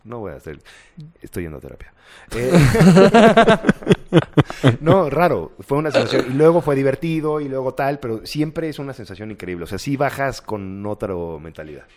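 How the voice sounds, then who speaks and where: A man's voice: mid-range voice, very animated, moderate pace, a little mellow. A man with a Mexican accent, co-hosting a casual podcast chat and talking in an earnest, insistent way. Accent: Mexican Spanish. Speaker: podcast co-host. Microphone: studio mic with earphones.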